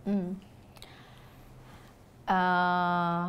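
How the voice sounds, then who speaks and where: A woman's voice: lowish voice, monotone, very slow, highs cut off, a little hiss or hum. A woman guest telling her faith story in a candid, chatty way, laughing between phrases. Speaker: interview guest. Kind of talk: casual faith testimony.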